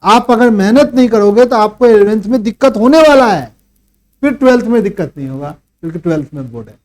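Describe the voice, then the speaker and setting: A man's voice: high-pitched, lively intonation, fast talker, a little mellow. A male math teacher lecturing a class, quizzing students and lecturing them sternly on working hard at home. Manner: scolds and quizzes students, rhetorical questions. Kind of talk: classroom lecture with a pep talk.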